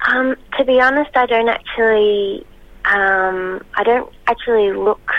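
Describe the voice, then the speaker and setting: A woman's voice: on the high side, steady tone, unhurried, no echo. Singer lady on the phone, lots of ums, kinda hesitant, muffled dry line. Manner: hesitant, many ums and restarts. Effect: heard over the phone. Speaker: touring singer, guest. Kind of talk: casual phone interview.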